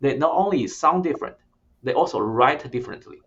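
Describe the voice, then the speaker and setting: A non-native English-speaking man, a startup founder, explains his product in an interview conversation. His medium-pitched voice is animated, brisk and fairly bright, though the recording is muffled. He speaks plainly, with hesitant restarts.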